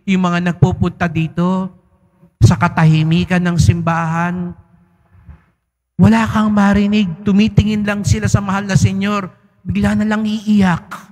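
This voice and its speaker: A man's voice: sits high, darkish tone. A man, a priest giving a Sunday homily in a large church, speaks conversationally with teasing asides and frequent tag questions. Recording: long church reverb.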